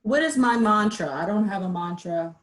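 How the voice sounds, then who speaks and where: A woman's voice: mid-range voice, normal speed, slight background noise. Chatty middle-aged woman presenting online. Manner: chatty, animated, self-deprecating. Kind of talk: casual webinar presentation.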